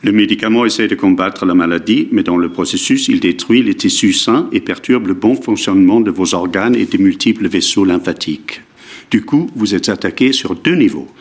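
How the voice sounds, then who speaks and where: A man voicing a calm, formal male doctor with a heavy foreign accent in a dubbed series scene. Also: deep voice, normal speed. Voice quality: stiff, polite, formal.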